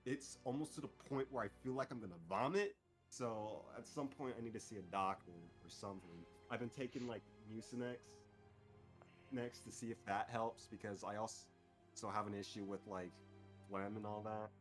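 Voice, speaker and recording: A man's voice: on the low side, normal speed, soft background music. A man playing a tabletop game, talking casually and hesitantly, often trailing off mid-sentence. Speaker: player.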